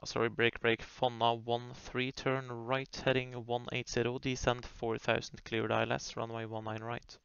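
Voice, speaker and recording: Creaky-voiced man on air traffic control radio. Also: mid-range voice, flat delivery, normal speed, hardly any pauses, fairly bright tone, dry recording. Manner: clipped procedural phrasing, polite. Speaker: air traffic controller on a flight simulation network. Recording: muffled lo-fi radio audio.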